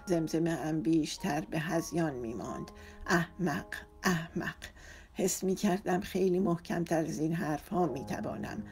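A woman's voice: low-pitched, hardly any pauses, dark tone, faint music behind. A woman reads a romance novel aloud as an audiobook narrator, in an emotive, dramatic first-person style.

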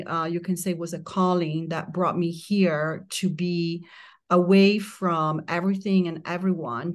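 A middle-aged woman from Italy, a guest in an interview, talking calmly and reflectively in long flowing phrases over a remote connection. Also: on the low side. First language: Italian. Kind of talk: casual interview chat. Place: remote mountain home, remote interview.

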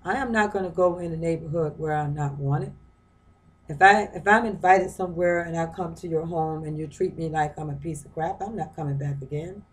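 Woman, lowish voice, conversational lecturer who circles back on phrases and asks rhetorical questions. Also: poor audio. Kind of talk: informal lecture on a reading. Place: her home.

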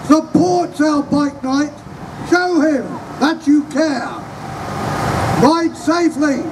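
A man calling out a rhyming proclamation as a town crier, loud and declamatory, outdoors. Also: very high voice, slow. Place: outdoors in front of an event stage. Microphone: distant camera. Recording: outdoor noisy recording from far off.

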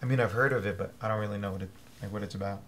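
A woman's voice: extremely low pitch, steady tone, very fast, a little hiss or hum. A woman chatting casually as a listener, hesitant and full of "uh" and "like". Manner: hesitant, many "uh" and "like". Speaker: listener, co-host. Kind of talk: casual chat.

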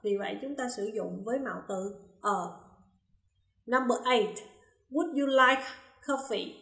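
A woman teaching English in a recorded lesson, her voice sitting fairly high. She reads each example slowly and distinctly, then explains the answer in a steady, methodical way. The sound is roomy, with a noticeable echo. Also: creaky. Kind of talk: recorded classroom lesson, explaining grammar exercises. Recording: roomy, echoey room.

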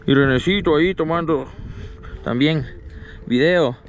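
A young traveler from Latin America speaks excitedly into an action camera held out at arm's length, treating his audience like friends as he rides a cable car and reaches a mountain-top terrace, both indoors and outdoors. His voice is on the high side and a little slow, with slight background noise and music underneath.

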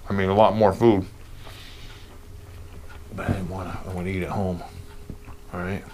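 A man's voice: low voice, flat delivery, normal speed, background noise. A man casually reviewing food on a home vlog, rambling and chatty as he eats, speaking with his mouth partly full. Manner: chatty, rambling, talks while eating.

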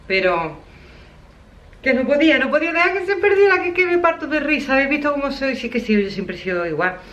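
A woman's voice: high-pitched, fairly bright tone. A woman with a Spanish accent from Spain, chatting casually in a vlog, laughing often and sighing with emotional exclamations. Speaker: vlogger.

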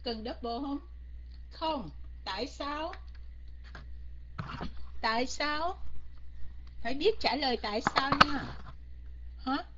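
A woman's voice: high-pitched, lively intonation, slow, pauses often, highs cut off, background noise. A woman teacher leading an online English grammar lesson, coaxing and quizzing her students and slipping English words in.

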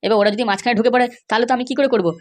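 A woman voicing a glib scheming fixer, rapid. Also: a little high. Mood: boastful. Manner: glib, boastful and reassuring. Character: scheming sly male fixer. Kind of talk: cartoon voice acting.

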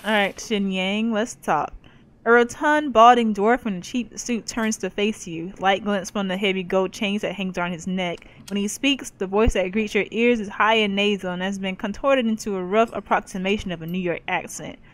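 A woman's voice: medium pitch, moderate pace, rough recording. A woman playing a role-playing game, reading its narration and every character's lines aloud in her own voice and adding playful asides. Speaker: gaming YouTuber reading game dialogue aloud. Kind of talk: let's play commentary and reading.

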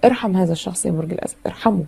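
A woman's voice: lowish voice, very fast, gravelly, dark tone, husky. A woman with an Egyptian Arabic accent giving a chatty, casual tarot reading full of fillers and teasing asides. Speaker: tarot reader.

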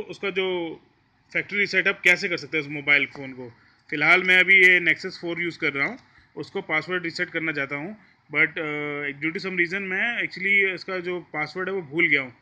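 Step by step and with plenty of repetition, an Indian-accented man hosts an informal hands-on tech tutorial mixing Hindi and English. His voice is pushed, bright and on the high side.

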